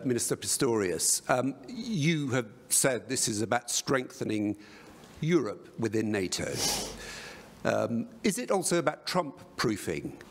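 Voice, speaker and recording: A man's voice: medium pitch, creaky. A male journalist questions ministers at a press conference. He is pointed and probing.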